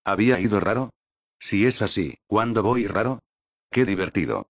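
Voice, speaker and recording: A man reading a light novel aloud as audiobook narration, in a slow, measured delivery. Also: lowish voice, expressive, breathy edge, no echo.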